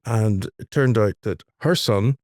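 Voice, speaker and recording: Middle-aged co-host, lower voice, relaxed halting delivery, dry recording. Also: male voice, no room sound. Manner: easygoing, halting restarts. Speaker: podcast co-host. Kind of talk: casual chat.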